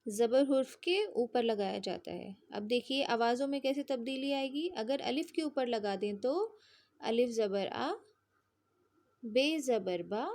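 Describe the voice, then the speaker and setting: A woman's voice: a little high, a little mellow. A woman teaching young children, patiently spelling out sounds and checking in with them. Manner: patient, drawn-out spelling drills with frequent check-ins. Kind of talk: slow children's lesson.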